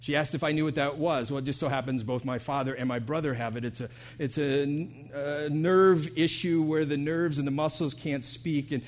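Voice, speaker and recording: Man preaching, swinging loud and soft. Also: fairly high pitch. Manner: storytelling, rising to loud emotional peaks then dropping to soft. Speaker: pastor. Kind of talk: sermon.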